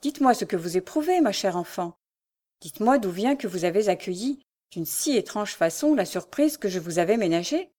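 A harsh, suspicious aristocratic father of a noble house, rough and commanding in every word, voiced by a woman reading a novel aloud. The tone stays mellow and dark rather than bright, with an ordinary pitch. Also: animated, a little fast, close to an everyday voice. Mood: coaxing.

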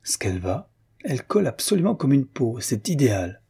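A man's voice: medium pitch, sing-song, a little fast, vocal fry, mellow, husky, voice pushed up, full character voice. A male reader voicing an earnest, status-minded aristocratic husband in a spoken novel.

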